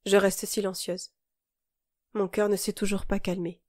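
A woman narrating her own novel in the first person, in a calm, measured, intimate reading. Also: medium pitch, no echo, studio quality. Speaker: audiobook narrator and author.

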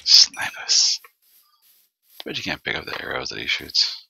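A man chatting casually and excitably while playing a game with a friend, laughing often. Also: very deep voice, fast, gravelly, slightly rough, dry recording. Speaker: co-host of a gaming channel. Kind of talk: casual gameplay chat. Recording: noisy background.

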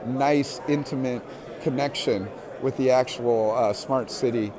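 A man's voice: mid-range voice, unhurried. A man giving a casual walk-through of an indoor convention expo floor, enthusing with lots of fillers as he films on a handheld phone. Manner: relaxed, filler-heavy enthusing. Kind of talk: casual walk-and-talk narration. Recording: crowd chatter from a busy hall.

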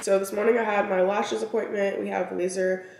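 Eating as she talks, a twenty-something vlogger rambles to camera with plenty of fillers, slightly raspy from a cold that hasn't cleared. Her medium-pitched, darkish voice is flat and brisk. Recorded in her home kitchen and walk-in closet on a camera set at arm's length on the counter, the audio is echoey and a bit far off.

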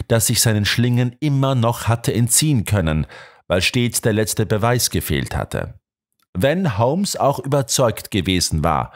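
Expressive male audiobook narrator. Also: fairly low pitch. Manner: expressive, dramatic storytelling.

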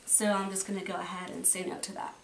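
A woman's voice: mid-range voice, flat delivery, fast, creaky. A woman talking casually through a makeup declutter, rambling a bit and restarting her thoughts, in her bedroom. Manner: rambling, chatty, trails off and restarts. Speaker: beauty vlogger. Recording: roomy, from a distance, faint noise.

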